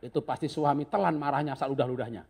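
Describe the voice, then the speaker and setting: A man's voice: medium pitch, quick pace, gravelly, darkish tone, husky. A man preaching a humorous sermon, joking and chuckling often as he talks.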